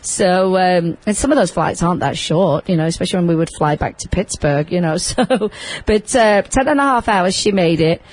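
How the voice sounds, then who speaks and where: Loud chatty woman host. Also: fairly low pitch, normal speed, hardly any pauses, no room sound, low-quality recording. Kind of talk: casual chat.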